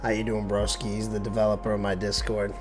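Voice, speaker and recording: A man with a hoarse, cracking voice from the flu, chatting casually and joking on a game stream. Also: on the low side, completely flat delivery, quick pace, music in the background. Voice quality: voice cracks and breaks. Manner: joking, swears freely. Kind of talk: casual live-stream chat.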